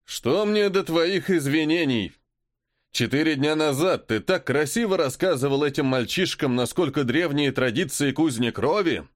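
A man's voice: high-pitched, wildly swooping pitch, a little fast, few pauses, dry recording, clean studio sound, pitched above the performer's own voice. A man voicing a stern lord of a great house who scolds his servant angrily. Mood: furious. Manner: angry, shouting, reproachful. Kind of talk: audiobook character voice.

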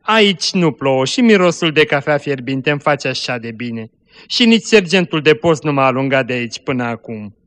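A man's voice: medium pitch, lively intonation, fairly bright tone, lightly acted. A man voicing a poor, ragged, hungry little girl who speaks in a pleading, plaintive way.

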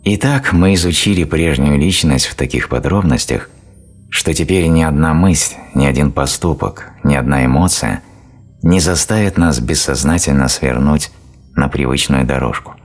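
A man narrating a self-help audiobook in a steady, explanatory reading style. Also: very deep voice, moderate pace, faint music behind. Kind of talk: scripted narration.

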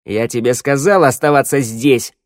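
A man's voice: a little high, sing-song, slow pace, a little mellow, slightly rough, no room sound, studio quality, pitched above the performer's own voice, full character voice. A man voicing a harsh woman who barks and snaps at others in an audiobook. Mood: angry. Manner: barking, snapping. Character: harsh barking female rogue.

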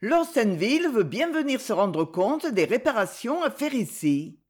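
A woman's voice: fairly high pitch, sing-song, unhurried, breathy edge, voice pushed up, full character voice. A woman voicing a flustered older lady formally announcing a noble visitor.

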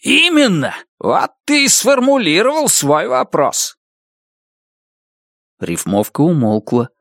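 A man reading an audiobook in a measured storytelling manner. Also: mid-range voice, darkish tone, dry recording, studio quality. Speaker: audiobook narrator. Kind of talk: scripted narration.

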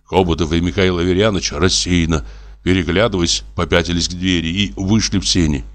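A man narrating classic fiction as an audiobook, with a measured, expressive reading. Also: deep voice.

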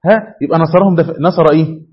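A man's voice: a little high, fast talker, breathy edge. A man with an Egyptian Arabic accent teaching a class as a sheikh, quizzing students and repeating himself to make them focus. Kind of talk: classroom lesson with questions to students. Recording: dull lo-fi classroom recording.

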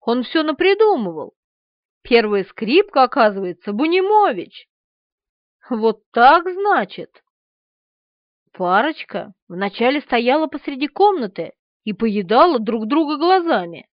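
A woman reads a novel aloud with an expressive, animated delivery. Her voice sits high and swings widely. The recording is dry and slightly muffled. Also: no room sound. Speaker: audiobook narrator. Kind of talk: expressive audiobook narration.

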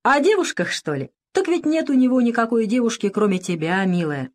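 A woman's voice: fairly high pitch, very animated, a little fast, voice pushed up. A woman voicing a cheerful, joking wounded male lieutenant in a storybook reading. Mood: jovial. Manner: jovial, joking.

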